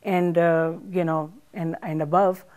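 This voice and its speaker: On a studio set with armchairs and plants, an older chef and author from Pakistan thoughtfully fields interview questions, leaning on frequent fillers. Her fairly low, darkish voice stays steady and a little slow, and the lapel mic captures a clean sound.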